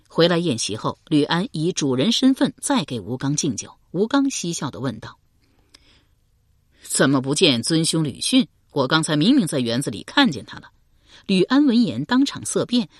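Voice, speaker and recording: A woman narrating a historical mystery novel in a steady, measured storytelling voice. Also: sits low, breathy edge, no room sound, clean studio sound. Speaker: audiobook narrator.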